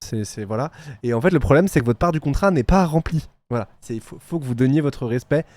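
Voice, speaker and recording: A man's voice: medium pitch, expressive, mellow, no room sound. Dry-voiced mocking male streamer. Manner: mocking, chatty, quick to laugh. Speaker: streamer reacting to a reality show. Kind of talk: casual live-stream commentary.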